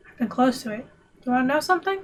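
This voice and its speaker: A gruff man perched on the tracks, as a woman reads him aloud warns a stranger off in a fairly high, even voice. The line is read rather than acted, with a faint hiss under it. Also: very fast. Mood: warning.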